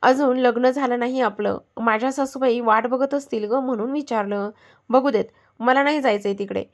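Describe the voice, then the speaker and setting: Storybook reading: a playful, teasing young fiancé, firm when reassuring; a woman reads him in a higher voice. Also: fairly even intonation, moderate pace, close to an everyday voice.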